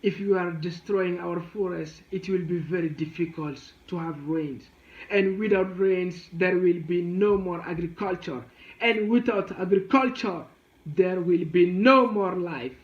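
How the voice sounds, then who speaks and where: A man delivers a prepared persuasive speech in short, deliberate phrases, earnest and pleading. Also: high-pitched. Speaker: speaker. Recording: dull, echoey room sound.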